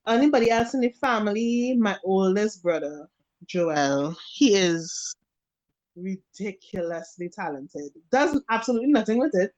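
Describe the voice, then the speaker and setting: A face and body painter in her thirties, from Trinidad and Tobago and speaking with a Trinidadian accent, chats as a guest in a casual video call interview. She acts out quotes as she tells her stories with animation. Her voice is medium-pitched at a moderate pace, and the audio is dull.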